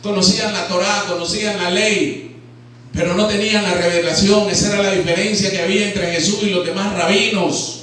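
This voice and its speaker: Nicaraguan pastor preaching in an echoing hall. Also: male voice, sits high, steady tone, brisk, a bit bright, a little hiss or hum. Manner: preaching with rhetorical questions to the congregation. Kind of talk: sermon. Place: church hall. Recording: very echoey hall, voice from far off.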